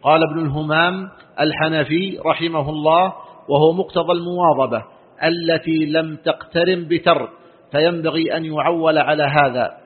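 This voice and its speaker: Husky man reading flatly, tinny audio. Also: fairly high pitch, normal speed. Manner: steady formal recitation. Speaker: student reading the text aloud. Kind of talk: reading a religious text aloud. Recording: tinny phone-like lo-fi recording.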